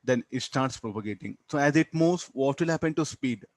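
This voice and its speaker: Brisk and medium-pitched, with no room sound, a physics teacher with an Indian English accent takes the class through a problem one step at a time. He lectures didactically, answers the questions he poses himself, and punctuates statements with "no?".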